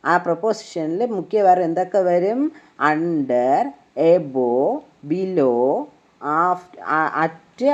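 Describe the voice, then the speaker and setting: Using Malayalam, a woman with a deep, darkish voice teaches English grammar patiently and slowly, one step at a time. She often asks rhetorical questions to check the listener's understanding, and the lo-fi recording sounds dull.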